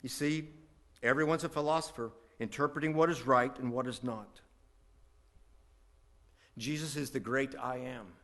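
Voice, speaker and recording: A man's voice: medium pitch, moderate pace, pauses often, fairly bright tone. A middle-aged man from West Virginia, a pastor preaching a sermon with emphatic swells on key lines.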